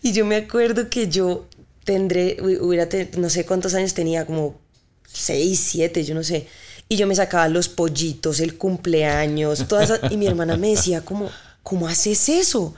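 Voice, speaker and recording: A woman's voice: fairly low pitch, normal speed. A woman in her thirties from Cali, Colombia, a singer-songwriter chatting as a guest and telling stories with sung syllables. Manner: lively storyteller imitating notes with sung syllables. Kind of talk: casual interview chat.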